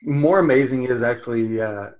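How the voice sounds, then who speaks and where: A man in his forties from Canada hosting an interview, friendly and halting, often repeating his words. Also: medium pitch, a little mellow. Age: 40s. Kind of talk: conversational interview.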